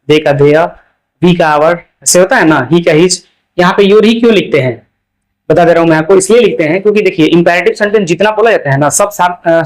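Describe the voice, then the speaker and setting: A man with a fairly high voice teaches English grammar in a relaxed, chatty way, with a Hindi accent. He keeps asking his class questions and then answers them himself. He says each English example slowly, word by word. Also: low-quality recording. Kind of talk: casual classroom explanation.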